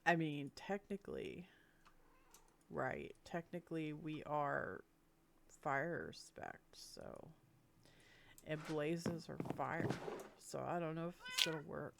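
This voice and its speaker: Her voice sits low and is gravelly and a bit bright, slow but animated, with slight background noise. Playing a game for viewers, this creator chats casually while congested from a cold, sniffling and sometimes giggling.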